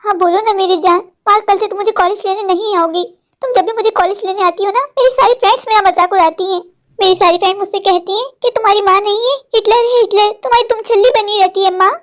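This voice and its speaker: Extremely high in pitch yet steady in tone, a woman speaks at a quick pace as she voices a cartoon character in Hindi. The role is a stubborn, modern college girl who argues with her mother and pleads, repeating "maa."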